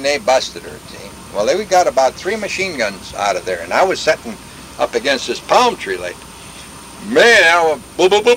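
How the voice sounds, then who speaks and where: An older veteran telling war stories in a rambling, folksy way, full of restarts and sound effects. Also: male voice, a little high, a bit bright, slight background noise, low-quality recording. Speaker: veteran interviewee. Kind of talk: oral history war reminiscence.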